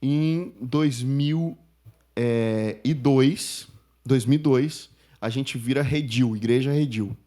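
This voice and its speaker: A Spanish-speaking man in his thirties tells his story as a podcast guest, chatty and animated. His voice is medium in pitch and slow, and he laughs while he tells it.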